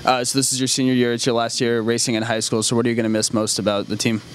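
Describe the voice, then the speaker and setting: A man's voice: medium pitch, monotone, quick pace, slight background noise. A teenage boy hosting a school news show, interviewing students with a handheld mic in a school building. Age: teens. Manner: upbeat, scripted introductions.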